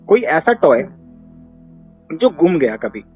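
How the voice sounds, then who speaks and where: Slightly high and a bit rough, his voice is very animated yet slow. As a therapist fielding questions, he hammers home his advice with rhetorical questions in a conversational exchange. The audio is tinny, like a phone line, with faint music underneath.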